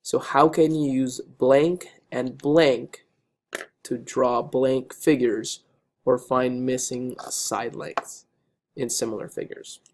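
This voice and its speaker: Male teacher, slightly hoarse, monotone delivery, steady and patient as he walks students through class notes on a screen recording. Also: medium pitch, slow pace. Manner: steady, patient, checks in with repeated okays. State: hoarse, losing his voice. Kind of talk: recorded math lesson over digital notes.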